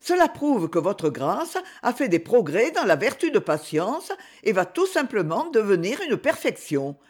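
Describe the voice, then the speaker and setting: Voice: medium pitch, very animated, a little slow. A reader voicing Mademoiselle Amélie, a kind, motherly old spinster, speaking affectionately in a storybook reading. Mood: tender. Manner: affectionate, cheerful.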